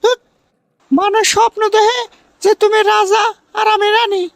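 A woman voicing a nagging, dismissive young village sweetheart in a comic cartoon, with a colloquial Bangladeshi regional accent and a creaky voice. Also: very high-pitched, fairly even intonation, normal speed, no echo. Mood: annoyed, scolding. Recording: music under the voice.

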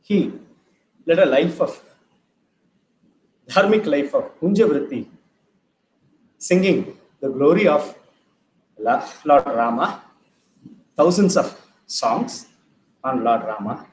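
A middle-aged man with a South Indian accent explains things like a teacher, in short, separated phrases. His voice sits a little high. It is recorded in a roomy, echoing hall over a computer mic, with some background noise. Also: lively intonation, slow pace, long pauses. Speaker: classical dance teacher. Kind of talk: informal lecture-demonstration. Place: large bare indoor hall. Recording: echoey room, audible background noise.

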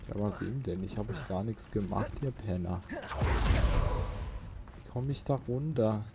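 A let's player with a fairly low-pitched voice takes his time, grumbling to himself and swearing mildly during casual commentary. The recording is noisy, with video game sound and ambience behind his voice.

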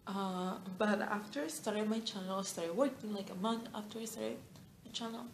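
An eighteen-year-old beauty vlogger, a native Spanish speaker with a Mexican accent, chats casually to the camera in a small, bright indoor room, full of fillers, restarts and giggles. Her voice sits in the mid-range with a steady tone at normal speed. The sound is reverberant, with a slight hiss or hum.

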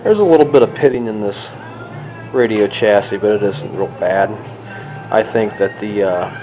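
In a lowish voice, an American hobbyist radio restorer presents his own video, giving a casual, unscripted hands-on walkthrough with folksy, self-deprecating charm. He's indoors in a home kitchen or dining room, and the camera's built-in mic gives the sound a tinny, band-limited, phone-like quality.

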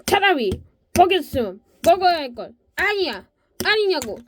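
Very high-voiced woman voicing a cartoon. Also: big pitch swings, normal speed. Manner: switches between characters, bursts into shouting and mock crying. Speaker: cartoon narrator voicing all characters. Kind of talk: comic cartoon voice acting.

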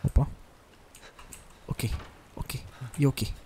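Young guy streaming a horror game, swears and yelps when scared, faint hiss and clicks. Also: a little mellow. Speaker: gaming streamer. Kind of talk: playing a horror game with live commentary. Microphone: desk USB microphone.

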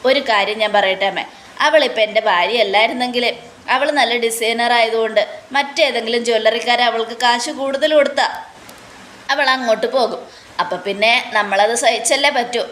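Woman playing a cold husband, blunt and dismissive, a bit high pitched. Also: brisk, fairly bright tone, echoey room, natural voice.

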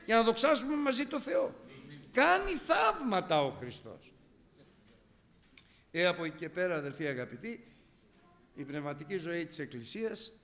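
A middle-aged man preaching a sermon, emphatic and repeating key phrases, telling stories with quoted dialogue. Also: on the high side.

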